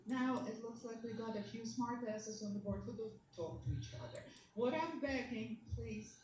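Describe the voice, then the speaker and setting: A woman's voice: a little high, moderate pace, a little mellow. Exasperated woman pleading at a meeting. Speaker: resident speaking at a board meeting. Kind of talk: public comment at a meeting. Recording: echoey room, distant mic, faint noise.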